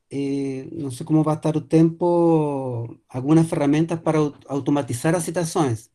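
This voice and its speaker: Mellow and medium in pitch, this man's voice carries a Chilean accent; he's from Chile and speaks Spanish natively. As a guest lecturer, he gives an online academic lecture over a video call, hesitating and restarting many times.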